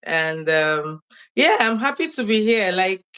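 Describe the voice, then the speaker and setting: This young woman from Nigeria chats as an interview guest on a video call, laughing a lot and filling her casual storytelling with fillers. Her mid-range voice is clear, resonant and a bit bright, unhurried, with big swings in pitch.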